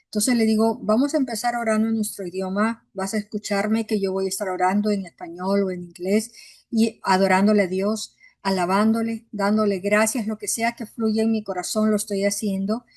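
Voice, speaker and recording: A woman's voice: medium pitch, fairly even intonation, brisk, a little mellow, no room sound, clean studio sound. A woman pastor teaching a Bible class in an earnest, encouraging way, acting out how she coaches people in prayer.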